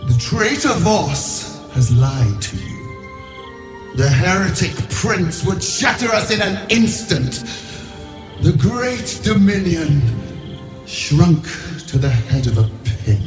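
A wrathful undead queen from a fantasy video game. Her grandiose commands swoop widely in pitch and ring with echo over music. She is menacing and imperious. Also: very animated, slow pace. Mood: grandly commanding. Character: imperious, wrathful undying lich queen in ghostly form. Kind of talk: dramatic video game acting.

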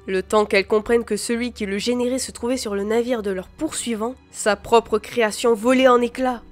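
A woman reading a fantasy novel aloud as an expressive storybook narrator. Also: on the high side, moderate pace. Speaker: audiobook reader. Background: soft background music.

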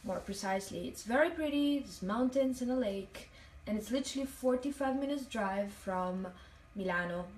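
This young woman from Italian-speaking Switzerland, whose first language is Italian, livestreams casually from a hotel bathroom floor, chatty and filler-heavy as she reads comments out loud. Her expressive voice is on the high side with a darkish tone, at normal speed. A little hiss or hum accompanies the distant phone mic, held at arm's length toward a mirror in the echoey tiled bathroom.

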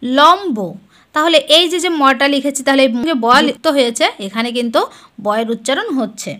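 A woman's voice: sits high, lively intonation, brisk, fairly bright tone. A woman teaching a spelling lesson, explaining step by step and asking then answering her own questions.

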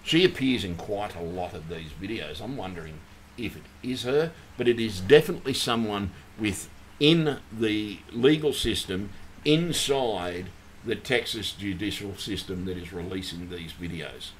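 A man's voice: fairly low pitch, lively intonation, measured pace, slight background noise. A man rambling through a casual livestream, repeating himself and apologizing as he talks over his screen. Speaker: channel host.

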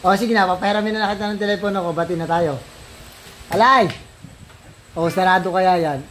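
A man's voice: sits high, fairly quick, a bit bright, low-quality recording. A father teasing and coaxing his young daughter in casual home banter, playful and joking. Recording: home video with background noise.

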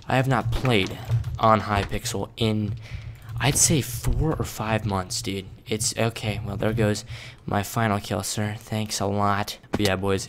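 An eighteen-year-old man quietly commentating a game late at night in his bedroom, calling viewers "boys" and "dude". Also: on the low side. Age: 18, young adult. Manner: hushed and casual, calls viewers "boys" and "dude". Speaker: gaming YouTuber. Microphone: desk microphone turned up.

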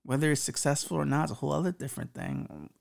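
Speaking fast in a slightly high, sing-song, creaky voice, a man in his thirties with a slight lisp hosts a podcast. He rambles through relationship advice with plenty of profanity and self-mockery.

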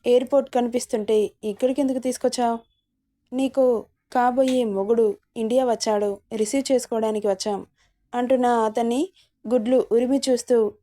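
A woman's voice: on the high side, mellow. A woman narrating a romance story, reading every character's lines in her own voice.

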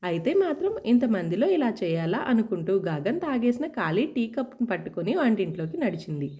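A woman storyteller reading a family romance aloud. Her voice sits a little high with a mellow, warm tone and swings widely in pitch as she narrates. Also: a little fast. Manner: expressive, lively reading.

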